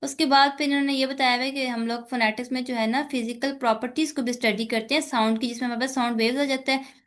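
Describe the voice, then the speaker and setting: Woman tutor, Pakistani accent, slightly high pitch, exam-prep lecture with frequent fillers. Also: fairly even intonation, quick pace. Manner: mixes English terms into Urdu, many fillers. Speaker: teacher.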